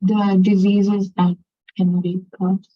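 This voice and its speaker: Student, woman, slow flat delivery, muffled as if behind a wall, dull distant call audio. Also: medium pitch. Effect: muffled, as if through a wall. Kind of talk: answering in an online class. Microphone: video call.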